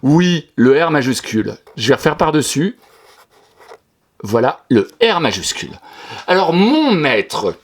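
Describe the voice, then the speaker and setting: Lively encouraging male schoolteacher. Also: a little high, unhurried. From France. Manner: lively, encouraging, sing-song teacher voice. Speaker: primary school teacher. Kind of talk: correcting a pupil's dictation for a class.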